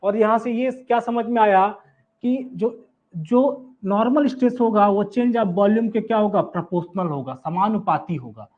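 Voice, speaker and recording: A man's voice: sits high, unhurried. A man teaching an engineering exam class, who keeps asking the students questions and answering them himself while repeating key terms. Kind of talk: classroom lecture. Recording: tinny phone-like sound.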